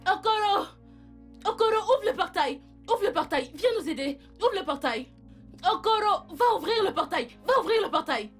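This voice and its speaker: An actress dubbing a frightened young woman, who shouts and pleads for help in a dubbed film. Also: very high-pitched, lively intonation, normal speed, soft background music. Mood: pleading.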